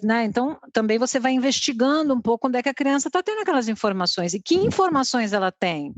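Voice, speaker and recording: A woman's voice: a little high, animated, fast, dry recording, muffled recording. A middle-aged woman, a sex therapist, chatting on a podcast and telling stories animatedly, acting out her son's lines. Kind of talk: casual podcast chat.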